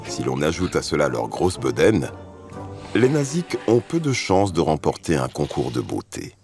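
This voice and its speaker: A man's voice: very deep voice, huge pitch swings, normal speed, music in the background. A man presenting and narrating a nature documentary in a scripted style.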